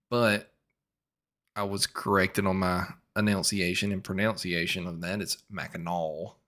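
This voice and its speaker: A man co-hosting a podcast, reading out history from notes, spelling names letter by letter and trailing off quietly at sentence ends. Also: fairly low pitch. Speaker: podcast co-host. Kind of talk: casual podcast chat.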